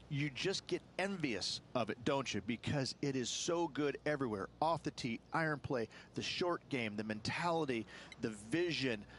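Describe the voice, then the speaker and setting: A man's voice: mid-range voice, fairly bright tone, a little hiss or hum, lightly acted. A man as a golf commentator and analyst in a video game, explaining play emphatically.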